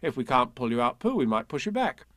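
A man's voice: medium pitch, big pitch swings, fast talker, a bit bright, no room sound, studio quality. A man voicing a polite, fussy, know-it-all rabbit in a storybook, with a prim, clipped, superior manner. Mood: matter-of-fact.

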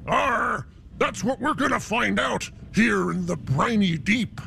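A man voicing a gruff, boastful pirate captain who growls and barks orders in a children's educational show. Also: high-pitched, lively intonation, takes it slowly, bright, forceful tone, slight background noise, heavily acted. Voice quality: gravelly, growling "arr". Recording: music playing underneath. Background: music.

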